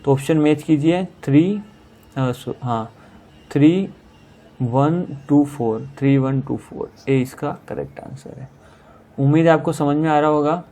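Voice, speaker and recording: Man, mellow voice, teacher, asks then answers, slow English read-outs. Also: on the high side. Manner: explains step by step, asks and answers own questions; reads English questions slowly, explains in Hindi. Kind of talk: online exam-prep lesson.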